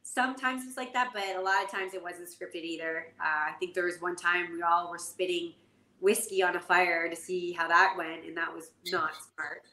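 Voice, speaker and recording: A woman in her forties from Canada, a jockey guest telling stories in an animated, casual way full of fillers. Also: on the low side, moderate pace. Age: 40s. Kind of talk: casual interview storytelling. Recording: echoey room, faint noise.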